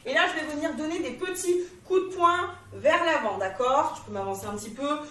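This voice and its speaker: High-voiced woman leading a warm-up. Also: lively intonation, fairly quick. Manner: encouraging, gives step-by-step cues while moving. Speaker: fitness instructor. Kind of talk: guided warm-up exercise class. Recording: echoey room, voice from a distance.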